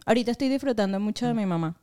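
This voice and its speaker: A young adult woman with a Venezuelan accent, co-hosting a casual podcast chat with a friend, lively and full of colloquial exclamations. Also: mid-range voice, very fast, a little hiss or hum. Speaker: podcast co-host.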